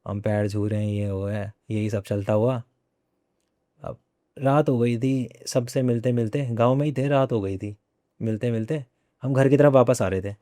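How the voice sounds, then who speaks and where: A man's voice: medium pitch, steady tone, dark tone, no room sound, studio quality. A young man, a podcast guest, telling a personal ghost story in a casual way and often repeating his phrases. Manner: repeats phrases, conversational and unhurried.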